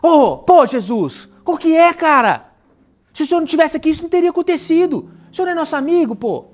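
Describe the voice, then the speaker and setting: A man with a Brazilian accent voicing an indignant woman who loudly scolds a friend for arriving too late. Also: very high voice, sing-song, quick pace, soft background music, voice pushed up. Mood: exasperated. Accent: Brazilian Portuguese. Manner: loud, exasperated, colloquial complaints.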